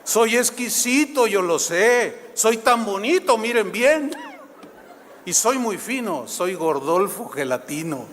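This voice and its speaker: A man's voice: high voice, expressive, slow, a bit bright, a little hiss or hum, exaggerated voice. A man voicing a vain comic character who sings his own praises in a mock-proud sing-song, in a reverberant hall. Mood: smug sing-song. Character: vain, self-adoring comic man singing about himself.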